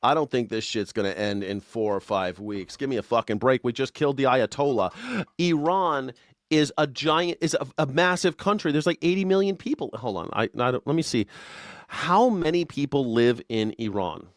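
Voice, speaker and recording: A man's voice: medium pitch, animated, moderate pace, no echo. Man, 40s, live stream host, sarcastic and profane, loose rambling delivery, dry close sound. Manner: sarcastic, profane and rambling, reads chat comments aloud. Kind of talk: casual political comedy rant.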